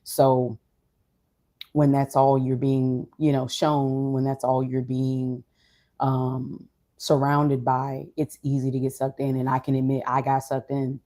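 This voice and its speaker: A vlogger talking casually and reflectively in a low-energy, unhurried, subdued way, with a mellow voice. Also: monotone. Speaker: streamer or vlogger. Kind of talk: casual reflective monologue to an audience.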